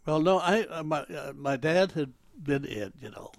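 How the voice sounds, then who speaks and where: An elderly man, a retired military veteran, reminiscing in an interview in a rambling, halting way as he searches for details. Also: fairly high pitch, animated, gravelly, dry recording. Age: elderly, 80s or older. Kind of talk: oral history interview, reminiscing.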